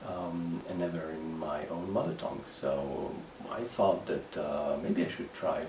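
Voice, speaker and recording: Speaking English with a Moroccan accent, a male writer who grew up with Moroccan Arabic gives a hesitant interview monologue, stumbling through fillers and restarts. He has a bass voice. It's captured from afar in an echoey room with faint noise behind him.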